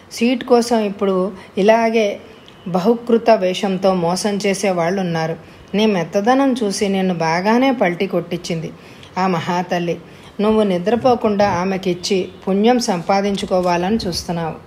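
A woman's voice: medium pitch, normal speed, slight background noise, lightly acted. A woman reading a storybook, voicing an outspoken young woman who teases her friend with mocking remarks. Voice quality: mocking, sharp-tongued. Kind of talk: audiobook character voice.

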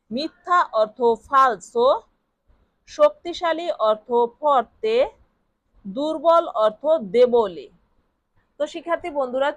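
Slow, high-voiced woman teaching vocabulary. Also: no room sound. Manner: repeats each word several times, asks and answers own questions; spells words letter by letter. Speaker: language teacher. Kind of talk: slow vocabulary lesson with repetition.

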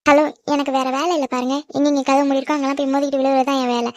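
A woman voicing a feisty, quick-tongued schoolgirl in a cartoon who protests and talks back. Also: high voice, little pitch movement, dry recording, clean studio sound, lightly acted. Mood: protesting. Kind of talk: cartoon voice acting.

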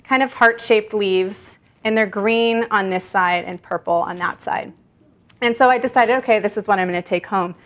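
A woman's voice: medium pitch, normal speed, a bit bright. Woman, 30s, guest author, chatty and casual, indoor library event. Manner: chatty, gestures while talking, shows produce.

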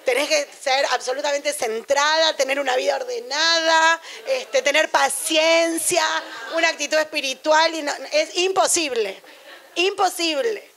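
A woman's voice: high voice, unhurried, gravelly, a bit bright, slight background noise. A middle-aged woman with a Rioplatense Spanish accent giving a university lecture on education in a chatty, digressive way, full of anecdotes and asides.

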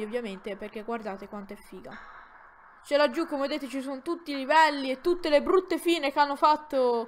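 A gaming YouTuber with a high voice commentates on her own Minecraft play, excitable and prone to dramatic exclamations as she talks straight to her viewers.

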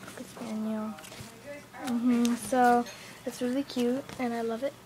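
A woman chatting excitedly in a casual video message to a friend, with many fillers and sometimes dropping to a whisper, filmed on a video camera at home. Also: a little high, measured pace. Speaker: vlogger. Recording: noisy home camera recording. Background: background music and family talking.

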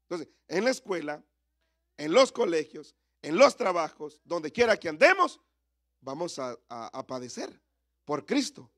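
A man's voice: a little high, big pitch swings, unhurried, a bit bright. A man in his thirties, a pastor preaching a sermon at a church service and calling out to the congregation with repeated rhetorical questions.

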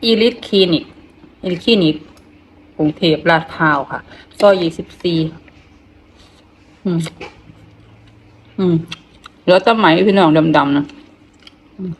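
A middle-aged woman with an Isan accent chats casually while eating, talking with her mouth full, haltingly, repeating phrases and murmuring between them. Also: lowish voice, a little hiss or hum. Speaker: vlogger.

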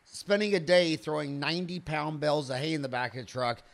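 A man's voice: a little high, brisk, creaky, a crowd in the background. A man in his fifties hosting a podcast interview, asking long, rambling conversational questions. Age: 50s. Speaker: podcast host.

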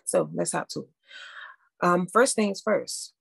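A woman's voice: fairly low pitch, unhurried, creaky, breathy edge, no room sound. A woman coach hosting a live online masterclass, talking casually and upbeat and checking in with listeners with a frequent "okay?". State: out of breath after running upstairs.

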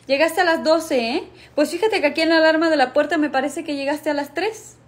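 A woman's voice: sits high, brisk, close to an everyday voice. A woman playing a stern, exasperated mother who scolds her teenagers in a comedy skit. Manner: scolding, no-nonsense.

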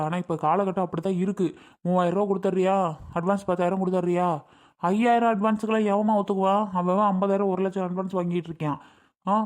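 A man's voice: high-pitched, natural voice. A man acting as a stubborn, boastful landlord who haggles hard and repeats his price, talking in a pushy way. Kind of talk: village family skit.

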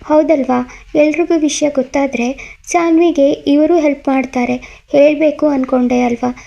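A woman's voice: sits high, fairly even intonation, unhurried, gravelly, dark tone, muffled recording. A woman voicing a heartbroken young man who pleads and hesitates, in a story reading. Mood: tearful pleading.

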